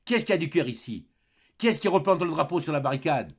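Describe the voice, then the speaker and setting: A man's voice: on the high side, expressive, quick pace, creaky, fairly bright tone, slightly rough, voice pushed up, exaggerated voice. A man playing a stern young male revolutionary leader who declaims his words in a rallying tone. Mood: urgent call.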